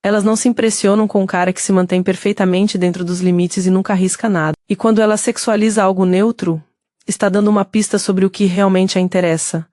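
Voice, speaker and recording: A woman with a Brazilian Portuguese accent giving steady scripted narration that speaks directly to the listener. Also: medium pitch, fast, no room sound, clean studio sound.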